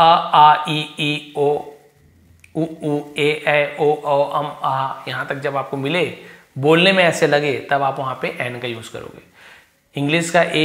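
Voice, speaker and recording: A man teaching English grammar, reading a story's English lines slowly and explaining each word in Hindi. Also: a little high, a bit bright, echoey room.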